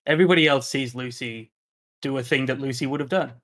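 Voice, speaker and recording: A man narrating as game master of a tabletop role-playing session, in a measured, unhurried way with frequent filler words. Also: medium pitch, fairly bright tone.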